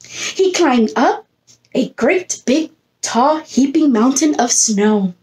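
Against a plain textured wall in an indoor room, a woman in her thirties reads a picture book to young children, expressively coaxing them with prompts and questions as their preschool teacher. She speaks slowly and animatedly in a high voice with a darkish tone.

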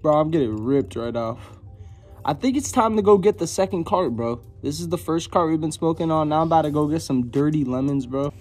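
A man's voice: on the high side, expressive, fairly quick, a little mellow, soft background music. A young man, audibly stoned, chatting casually to camera in slang with a hazy, rambling stoner manner. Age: young adult. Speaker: vlogger. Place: small enclosed pillow fort indoors.

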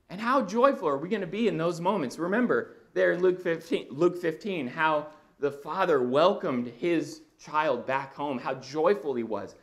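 A man in his thirties preaches in an animated, conversational way, moving about a church stage. His slightly high voice swings widely in pitch. He talks into a body mic in a church auditorium. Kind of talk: sermon. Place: church auditorium with a projection screen.

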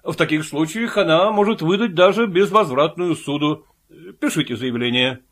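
A man's voice: on the high side, moderate pace, a bit bright. A man doing an officious union chairman. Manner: officious, matter-of-fact. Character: bureaucratic male trade-union chairman.

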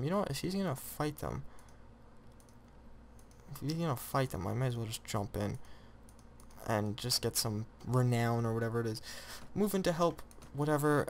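A teenage boy narrates his own gameplay in a rambling, excitable way, constantly restarting and correcting his sentences. His voice sits at an ordinary middle pitch. A faint hiss of noise sits under the recording. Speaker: gamer. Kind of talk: let's play commentary.

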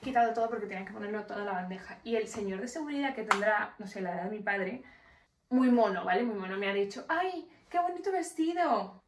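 A woman with a Spain Spanish accent chatting excitedly to camera in a casual vlog, laughing often. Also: medium pitch, fast talker, slight background noise. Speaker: lifestyle vlogger.

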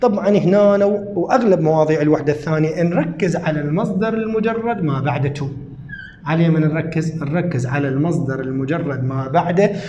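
Iraqi guy teaching english, keeps asking then answering himself, mellow tone, roomy echo. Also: a little high, highs cut off, slight background noise. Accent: Iraqi Arabic. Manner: repeats words slowly, asks and answers own questions. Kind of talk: classroom lesson explanation.

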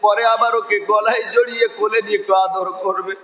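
A male Islamic preacher with a Bengali accent gives an emotional sermon, moving between loud cries and soft tearful pleading. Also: sits high, little pitch movement, a little fast, highs cut off. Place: religious gathering in a large hall. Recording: echoey hall with long reverb.

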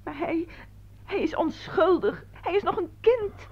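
A tearful, guilt-ridden middle-aged mother, played by a woman in a radio play, with a high, fragile voice. She falters and stammers as she speaks. The sound is dull and muffled, like an old broadcast. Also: normal speed, a little mellow, close to an everyday voice. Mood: pleading. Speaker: doctor's wife. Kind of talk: 1950s-style radio drama acting.

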